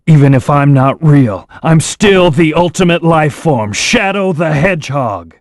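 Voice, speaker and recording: A man's voice: on the high side, lively intonation, measured pace, dry recording, clean studio sound. An actor playing a brooding young male hedgehog, a cool, proud antihero who speaks in terse, self-assured commands. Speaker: video game character. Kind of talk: studio game voice acting.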